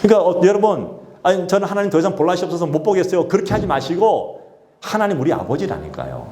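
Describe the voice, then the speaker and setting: A man's voice: sits high, big pitch swings, fast talker, warm tone. A male pastor delivering a sermon and calling on the congregation to respond. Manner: exhorting, calls for congregation responses. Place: church sanctuary. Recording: echoey church sanctuary.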